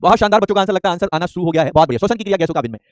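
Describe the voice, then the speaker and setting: A young man teaching an online chemistry class, rapidly repeating points and firing quick questions at students. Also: high voice, animated, no echo, studio quality.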